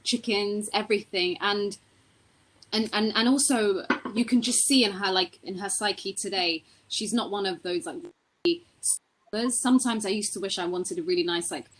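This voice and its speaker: A woman's voice: mid-range voice, normal speed, low-quality recording. Chatty woman telling a family story. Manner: relaxed, chatty storytelling with repeated fillers. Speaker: panel guest. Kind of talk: casual panel conversation.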